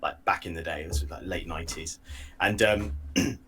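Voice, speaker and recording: A low-pitched man with a husky voice co-hosts a podcast, trading wry, deadpan remarks in relaxed chat. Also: normal speed. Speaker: podcast co-host. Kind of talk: casual chat.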